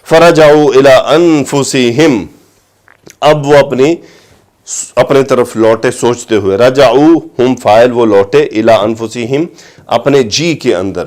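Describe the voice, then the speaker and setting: A man teaching Arabic grammar of scripture in a lecture, reciting phrases slowly and then explaining them, lifting his voice to stress a point. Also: mid-range voice, a little mellow.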